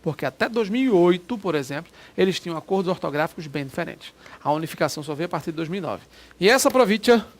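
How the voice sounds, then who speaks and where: A man's voice: high-pitched, expressive, fast talker. Chatty Brazilian man teaching grammar. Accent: Brazilian Portuguese. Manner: chatty, keeps checking in with listeners. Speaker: Portuguese language teacher. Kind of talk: exam prep lesson.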